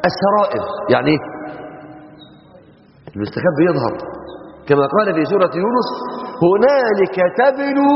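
Man, Egyptian accent, preacher, quick animated sermon, long-echo hall, muffled lo-fi sound. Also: sits high. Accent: Egyptian Arabic. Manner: animated, rising to emphatic, draws out scripture recitation. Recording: echoey hall, dull lo-fi sound.

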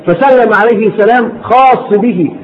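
A man's voice: high voice, moderate pace. A man with an Egyptian accent giving an Islamic lesson to a class, repeating his points and firing rhetorical questions at his listeners. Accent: Egyptian Arabic. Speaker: religious teacher. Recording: dull lo-fi recording, faint noise.

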